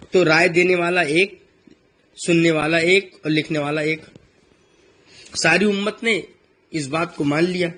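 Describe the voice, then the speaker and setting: A man's voice: a little high, fairly bright tone. A man preaching in a religious talk, emphatic and repeating phrases for stress.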